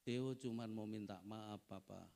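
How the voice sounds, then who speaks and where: A man voicing his grown son, who speaks in a quiet, hesitant way while retelling a story in a sermon. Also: on the low side, steady tone, unhurried, gravelly. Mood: apologetic. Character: soft-spoken grown son apologizing to his father.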